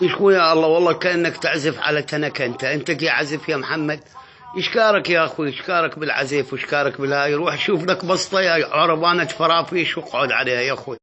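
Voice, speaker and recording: A man's voice: fairly high pitch, fast, sharp tone. A man with a Deir ez-Zor Syrian Arabic accent teasing someone sarcastically, on a dull lo-fi recording. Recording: dull lo-fi voice message.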